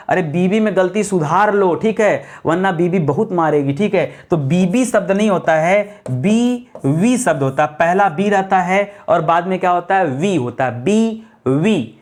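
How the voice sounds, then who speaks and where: Hindi teacher drilling spelling, jokey. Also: male voice, high-pitched. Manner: repeats words slowly and keeps asking the class questions; jokey asides with light laughs. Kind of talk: classroom spelling lesson.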